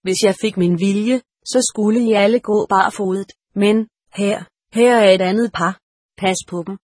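A woman's voice: mid-range voice, fairly even intonation, darkish tone, breathy edge, dry recording, clean studio sound, close to an everyday voice. A woman voicing a pompous, irritable old male monastery steward who scolds and grunts to himself, in an audiobook. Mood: stern. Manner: blustering, scolding, grunts "hmmm". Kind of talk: audiobook character voice.

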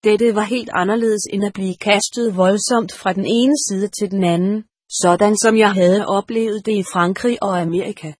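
Calm woman audiobook narrator, husky tone, dry close read. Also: medium pitch, hardly any pauses, no echo. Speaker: audiobook reader. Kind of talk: storybook narration read aloud.

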